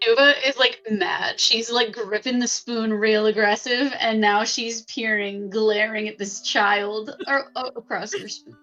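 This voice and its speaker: A woman's voice: fairly high pitch, steady tone, measured pace, hardly any pauses, bright, forceful tone, dull audio, faint music behind. A woman playing a tabletop game, casually chatting and describing what her character does. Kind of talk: casual role-play chat.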